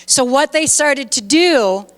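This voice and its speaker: A woman pastor preaching a lively sermon, retelling scripture with animated storytelling and reading aloud while chatting with her listeners. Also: sits high, slow, big-room sound. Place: church sanctuary.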